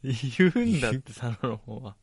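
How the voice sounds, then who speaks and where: A man co-hosting a podcast in casual chat, quick and teasing, speeding up in bursts. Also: mid-range voice, lively intonation, slightly rough, dry recording, studio quality. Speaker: podcast co-host.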